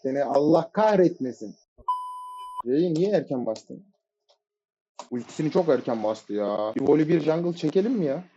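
Excitable man commenting on his gameplay. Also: on the high side, normal speed, pauses often, a little hiss or hum. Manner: excitable, shouts at teammates and enemies in bursts. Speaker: gamer playing a ranked match. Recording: dull lo-fi mic audio.

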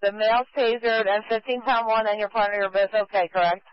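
Police dispatcher: procedural, crisp delivery, repeats details back, muffled radio sound. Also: medium pitch, steady tone, quick pace, no echo. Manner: clipped, procedural. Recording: dull lo-fi police radio audio.

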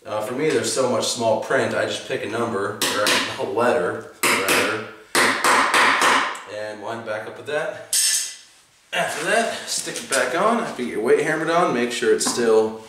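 A man's voice: mid-range voice, expressive, a little slow. A man casually showing how to use a tool in his home garage, talking in a laid-back, rambling way while filming on a handheld camera. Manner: laid-back, rambling, with fillers and self-corrections. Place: home garage with concrete floor. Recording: echoey garage, faint background noise.

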